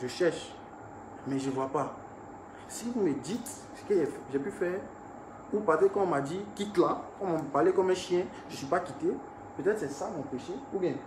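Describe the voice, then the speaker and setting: A young man telling his viewers about an incident. He talks in an animated way and swings between hushed and raised speech. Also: on the high side, normal speed. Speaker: artist recounting an incident. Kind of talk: storytelling to viewers. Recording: echoey room with faint ambient noise.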